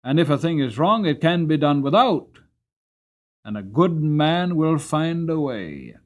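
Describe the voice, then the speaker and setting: Reading from a storybook, a man voices an upright cab driver, hammering home each moral point with firm, kindly conviction. His somewhat dark voice has a sing-song lilt, rising and swinging with emphasis at a measured pace, in a firm, preaching mood.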